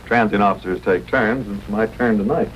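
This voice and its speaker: Brief: male actor as easygoing military husband, 1950s TV drama, lowish voice, teasing and folksy, faint noise on old soundtrack. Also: a little fast, highs cut off, natural voice. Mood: mild, reassuring. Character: easygoing, teasing Air Force captain and husband. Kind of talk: 1950s TV broadcast drama acting.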